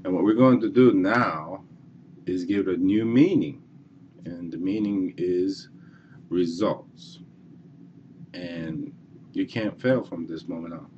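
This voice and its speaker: Deep-voiced man giving a halting walkthrough. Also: a little mellow, muffled recording, slight background noise. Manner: halting, repeats and restarts, says okay a lot. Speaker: online course presenter. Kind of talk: casual screencast walkthrough.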